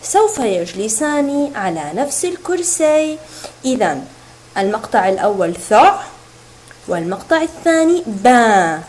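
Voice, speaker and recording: A woman teaching a recorded reading lesson to young children, sounding out syllables slowly and clearly. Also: a little high, sing-song, darkish tone, slight background noise, poor audio. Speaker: kindergarten teacher.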